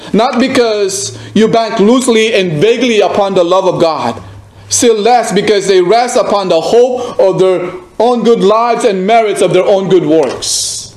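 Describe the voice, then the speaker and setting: A male pastor preaching emphatically, repeating phrases and asking the listener direct questions. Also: high-pitched. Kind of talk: sermon. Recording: echoey room.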